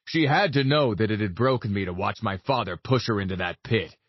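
A man narrates a fantasy novel in the first person with an intense, brooding delivery. His voice is husky and mid-pitched. The recording is dry and slightly dull. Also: a little fast, no echo. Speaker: audiobook narrator.

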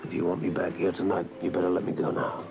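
A man's voice: deep voice, monotone, fast, vocal fry, music in the background, low-quality recording. A man acting in a daytime soap opera as a husband and club owner who sounds defensive, evasive and pleading.

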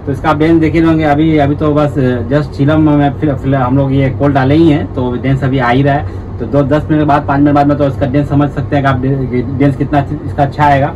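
A man's voice: on the high side, little pitch movement, a little fast. Chatty man demonstrating a hookah setup. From India. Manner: repetitive, chatty, addresses viewers as brothers. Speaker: hookah tutorial host. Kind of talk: casual how-to demonstration. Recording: distant, dull audio with background noise.

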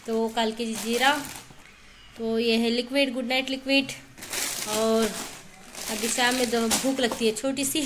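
A woman's voice: fairly high pitch, noisy background. A woman in her thirties filming a casual home vlog in a small kitchen with a phone at arm's length, chatting in a homely, rambling way. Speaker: vlogger, mother. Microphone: phone held at arm's length.

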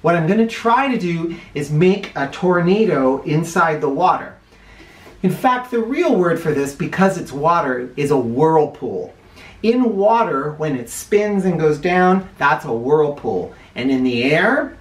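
A middle-aged American man with a slightly high voice reads a picture book aloud to children, adding spoken asides as he goes. His intonation is lively and swooping, and he takes his time, leaning into words with dramatic, deliberate emphasis. A camera in a small indoor living room picks up the roomy sound.

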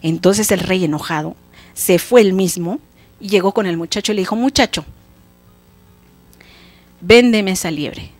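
A woman, hosting a show and telling a folk tale in a lively, expressive, casual way. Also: lowish voice, fairly quick, no echo, faint music behind. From Mexico. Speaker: storyteller host. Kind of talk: folk tale storytelling for children.

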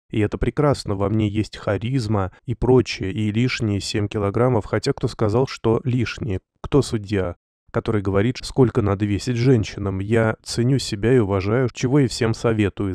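A man reading a scripted celebrity news voice-over in an even, read-aloud delivery, close to the mic. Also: lowish voice, no echo. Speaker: news narrator.

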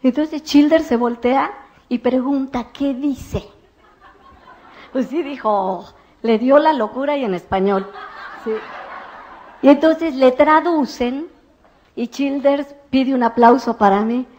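A woman's voice: sits high, takes it slowly, pauses often. A woman giving a motivational talk at a business convention, telling stories and acting out the dialogue. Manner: animated storyteller acting out dialogue. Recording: muffled lo-fi recording.

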